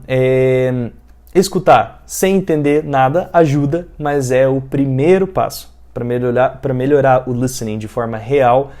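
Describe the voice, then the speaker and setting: A man's voice: mid-range voice, dark tone. A man with a Brazilian Portuguese accent, a native Portuguese speaker teaching English, who explains learning tips informally and keeps checking in with "tá?" and "né?". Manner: informal, repeats points with "tá?" and "né?".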